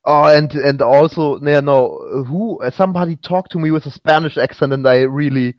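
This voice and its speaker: A man in a casual group chat who talks haltingly with many restarts and giggles often. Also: a little high, no room sound, dull audio. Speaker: podcast co-host.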